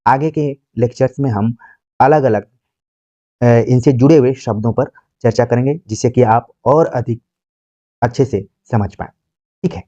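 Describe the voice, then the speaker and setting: Male grammar teacher, dark mellow voice, dry dull lo-fi sound, patient and repetitive lecture delivery. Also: medium pitch, unhurried, pauses often, no room sound. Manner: patient, repeats examples, rhetorical questions. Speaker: Hindi teacher. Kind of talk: exam-prep grammar lecture.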